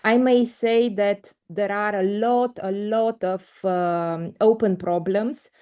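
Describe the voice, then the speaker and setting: A woman's voice: medium pitch, fairly even intonation, takes it slowly, dark tone, clean tone. A middle-aged woman from Romania giving an online mathematics lecture over a video call, hesitant with many fillers and restarts. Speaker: invited conference speaker. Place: indoor room, video call. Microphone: laptop mic on video call.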